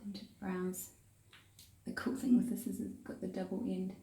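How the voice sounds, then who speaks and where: A woman's voice: mid-range voice, moderate pace, vocal fry, distant mic. A woman with a New Zealand accent, chatting her way casually through a step-by-step makeup tutorial as she works. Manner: chatty, relaxed, talks while working. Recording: roomy echo, voice off-mic.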